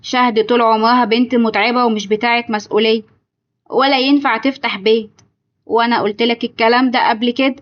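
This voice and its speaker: A woman's voice: on the high side, steady tone, fast, lo-fi sound, natural voice. A woman voicing a sad, wounded aging mother with an Egyptian accent, in a told story. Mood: grieving. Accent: Egyptian Arabic. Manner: sorrowful, reproachful.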